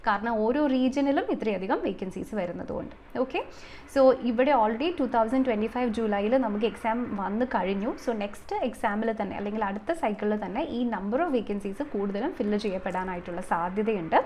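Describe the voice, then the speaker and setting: A woman with a brisk, slightly mellow mid-range voice gives a semi-formal explanatory video lesson coaching for an exam, mixing in many English terms and numbers. Slight background noise is audible.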